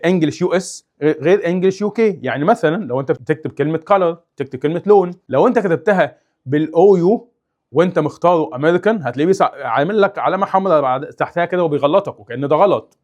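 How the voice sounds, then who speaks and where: A young man with an Egyptian Arabic accent gives a casual, animated English lesson, exaggerating sounds to show how they're made. His voice sits on the high side.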